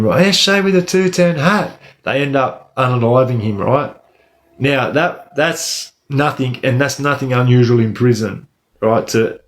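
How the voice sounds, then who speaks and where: Casting: Australian male livestream host, casual storyteller, heavy eshay street slang, mid-pitched voice. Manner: Aussie eshay street slang, says lad and bro often.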